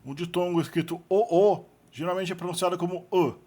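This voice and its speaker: A man with a Brazilian Portuguese accent teaching a recorded lesson, explaining slowly and deliberately and repeating each example word. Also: high voice, steady tone, mellow. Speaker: language teacher.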